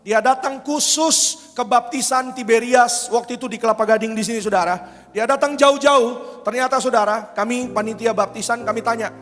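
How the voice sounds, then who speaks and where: High-voiced pastor in an echoing hall. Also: male voice, moderate pace, fairly bright tone. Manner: storytelling, acts out voices of people in the anecdote; calls out to the congregation, leads declarations. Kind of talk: sermon. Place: large church hall.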